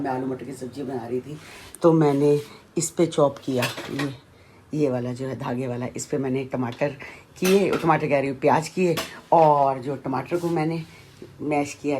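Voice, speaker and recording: A woman's voice: rumbling low, dark tone, a little hiss or hum. A middle-aged woman and mother chatting casually to her viewers while cooking in her home kitchen, rambling from one thing to the next. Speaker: family vlogger and mother. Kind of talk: casual cooking vlog chat.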